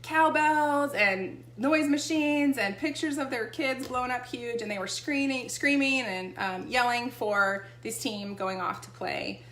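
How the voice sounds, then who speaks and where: A woman's voice: on the high side, a little slow, few pauses, fairly bright tone. A woman, chatting casually as she demonstrates essential oils and often checks in with the listener. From Texas. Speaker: essential oil seller. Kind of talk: casual product demo chat. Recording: echoey room with faint hum.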